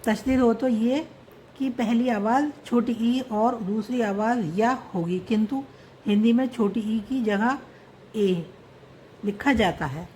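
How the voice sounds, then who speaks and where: A woman's voice: fairly high pitch, takes it slowly, darkish tone, a little hiss or hum. A woman teaching how to read and write a script, patiently repeating each word and spelling it out piece by piece. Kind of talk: slow explanatory script lesson.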